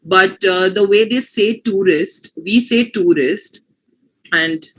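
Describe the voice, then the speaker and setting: A woman's voice: medium pitch, unhurried, fairly bright tone, slight background noise, low-quality recording. A woman with an Indian accent teaching pronunciation in an online class, explaining patiently and often checking that students follow.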